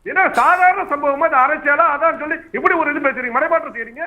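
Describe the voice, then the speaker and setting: High-voiced guy calling into a tv debate, formal and measured, tinny phone sound. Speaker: political debate panelist.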